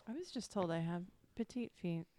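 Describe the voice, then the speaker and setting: A woman's voice: on the low side, animated, moderate pace, background noise. A woman podcast co-host joking playfully in casual banter.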